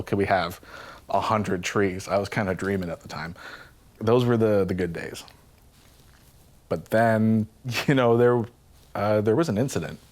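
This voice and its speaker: An actor playing an earnest 3D artist in a mockumentary interview, talking in a rambling, halting way. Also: male voice, low voice, lightly acted. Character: earnest, wistful male 3D tree artist. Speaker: 3D artist in a game studio.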